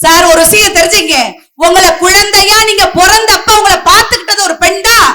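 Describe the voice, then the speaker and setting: A woman giving a comic debate speech on a festival stage, teasing the judge with rapid-fire questions. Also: extremely high pitch, fairly even intonation. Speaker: debate speaker. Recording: live stage with loud crowd. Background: loud crowd.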